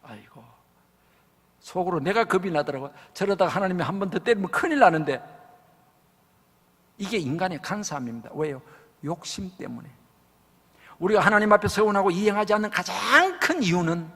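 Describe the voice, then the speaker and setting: Korean pastor guy, high gravelly voice, preaching in a big church hall, loud then hushed, acts out the people in his stories. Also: sing-song, fairly quick, pauses often. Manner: dramatic storytelling, acts out quoted voices, swings from loud to hushed. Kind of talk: revival sermon. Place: large church sanctuary. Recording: church hall with long reverb.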